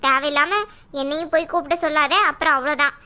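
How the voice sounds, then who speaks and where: A woman's voice: sits high, fairly even intonation, quick pace, bright, forceful tone. A woman voicing a young cartoon sister-in-law who sulks and complains tearfully. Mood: sulky. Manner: whiny, complaining. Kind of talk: cartoon voice acting.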